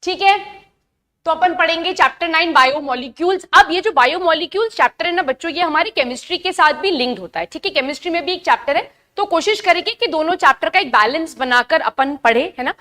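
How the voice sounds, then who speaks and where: A woman's voice: very high-pitched, animated, pushed and bright. Chatty woman teaching biology. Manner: reads English textbook lines slowly, then explains in Hindi; chatty, greets students by name and asks them questions. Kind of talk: live online class lecture.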